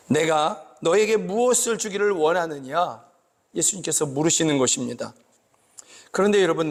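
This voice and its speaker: A pastor giving a slow, emphatic sermon that rises into loud cries. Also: male voice, a little high. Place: church sanctuary. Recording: long church reverb.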